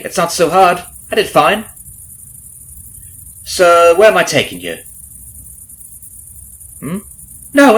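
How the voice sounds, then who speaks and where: A man with a fairly high, fairly bright voice plays a nosy substitute carriage driver in an ASMR roleplay audio drama, sounding breezy and chatty. Folksy and falsely friendly, he rambles at the listener with sly undertones, nosy and hesitant, slipping in mock-innocent asides. Clip-clopping hooves and carriage ambience make the recording noisy.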